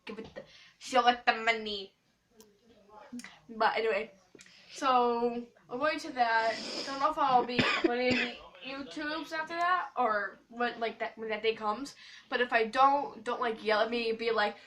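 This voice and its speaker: On camera for her casual vlog, the school-age girl speaks a little slowly in a somewhat bright, higher voice, rambling in a playful, silly, scattered way. A faraway mic leaves the audio noisy and full of clicks.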